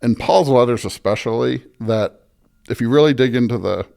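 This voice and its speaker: A gravelly, slightly mellow mid-range voice at normal speed belongs to an American man talking as a pastor. In a conversational podcast interview he earnestly, emphatically explains his beliefs, often checking in with "right?" and "you know".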